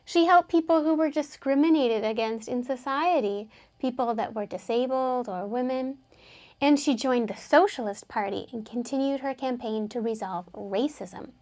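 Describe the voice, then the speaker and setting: A woman's voice: a little high, moderate pace, darkish tone. A woman teaching an English lesson, patiently explaining words and having learners repeat them after her.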